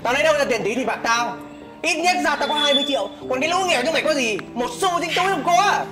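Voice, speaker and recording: A man's voice: very high-pitched, expressive, racing, music in the background. A man acting a rich, arrogant company director who mocks the poor, in a web skit drama. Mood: mocking. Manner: mocking, boastful. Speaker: actor.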